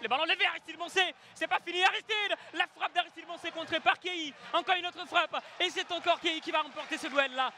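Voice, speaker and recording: Excited high-pitched male football commentator. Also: fairly quick, few pauses. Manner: shouts and stretches words on goals. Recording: noisy outdoor stadium broadcast. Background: loud outdoor stadium noise.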